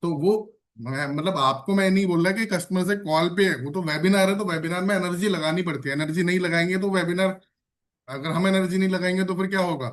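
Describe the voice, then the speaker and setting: Brisk and high-pitched, a man leads an online sales training session with plenty of energy. He repeats phrases and keeps asking his trainees questions to check in with them.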